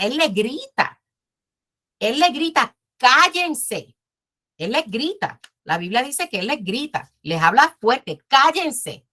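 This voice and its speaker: A woman's voice: a little high, fairly bright tone. A woman teaching a Bible class in an earnest, emphatic way, often repeating her phrases.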